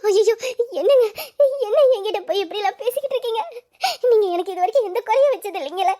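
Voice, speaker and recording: A woman's voice: very high voice, quick pace, dark tone. A woman playing a devoted young wife who has just given birth, asking and pleading tearfully in an audio drama.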